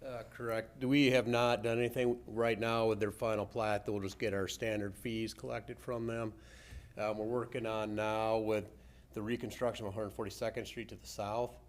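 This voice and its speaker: A man's voice: lowish voice, level tone, moderate pace. A man answering the council with a matter-of-fact update on street plans.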